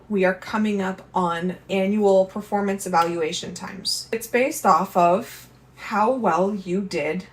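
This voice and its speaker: A woman hosting a lifestyle channel, talking earnestly and conversationally about handling stress and speaking straight to her viewers. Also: medium pitch. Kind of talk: casual advice talk to camera.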